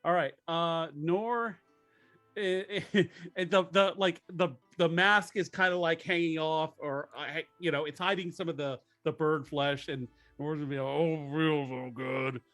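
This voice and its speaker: A man's voice: fairly high pitch, fairly even intonation, moderate pace, fairly bright tone, soft background music. A man chatting casually as a tabletop game player, joking and muttering through his numbers.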